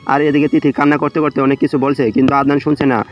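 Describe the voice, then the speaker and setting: A man's voice: medium pitch, level tone, fast talker. A man narrating a dramatic romantic story as an audio storyteller. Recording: dull lo-fi audio under music. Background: background music.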